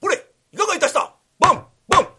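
A man doing a shouting angry samurai. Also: high-pitched, sing-song, a little fast, noisy background. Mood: furious. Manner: shouting, pounding on the door. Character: stern male samurai on night patrol.

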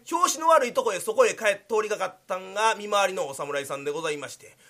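A man with a Kansai accent narrating a comic story in a polite, measured way. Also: high voice, lively intonation, a bit bright. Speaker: rakugo storyteller.

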